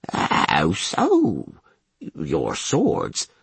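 A man's voice: rumbling low, wildly swooping pitch, very slow, vocal fry, breathy edge, no room sound, voice pushed down, exaggerated voice. A man voicing a flustered elderly male weapons attendant who stammers and chokes on his words. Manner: stammering, choking.

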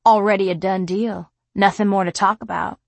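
A woman's voice: normal speed, vocal fry, dry recording. Woman doing a cold tattooed gunman. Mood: threatening. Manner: low, flat, quietly threatening. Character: cold tattooed male gunman, controlled and threatening.

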